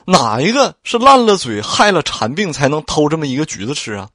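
A man's voice: on the high side, sing-song, a little fast, pushed and bright, no room sound, studio quality, full character voice. A man voicing a young maid who denies stealing fruit, in an audiobook reading. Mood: defensive protest. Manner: protesting, defensive. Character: young maid accused of theft, defensive.

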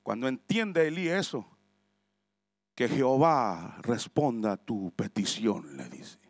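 A male pastor preaching a sermon at a family retreat, emphatic, swinging between loud cries and hushed asides. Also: mid-range voice, animated, takes it slowly, dry recording. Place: church family retreat hall.

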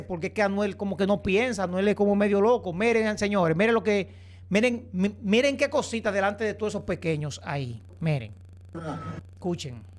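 Preachy male gossip commentator. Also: high voice. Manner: preachy, repeatedly addresses viewers as señores. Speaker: entertainment news commentator.

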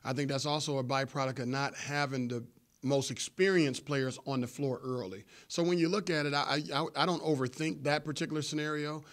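Coach guy in his 40s at a press table mic, talks it through slow and steady, lots of ums. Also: on the high side. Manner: measured, explanatory coach talk with frequent fillers. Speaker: head basketball coach. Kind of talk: postgame press conference answers. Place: press room before a sponsor backdrop. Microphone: table microphone in front of him.

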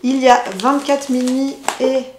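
A woman's voice: sits high, completely flat delivery, unhurried, darkish tone, reverberant, slight background noise. A woman casually chatting through a knitting unboxing, hesitant with many fillers and restarts. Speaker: knitting vlogger.

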